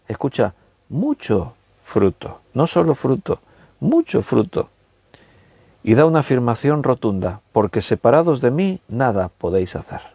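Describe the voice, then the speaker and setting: Conversational preacher, dry sound. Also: male voice, mid-range voice, darkish tone, no echo. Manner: conversational, stretches key words slowly for emphasis. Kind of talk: sermon. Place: recorded at home with a tablet.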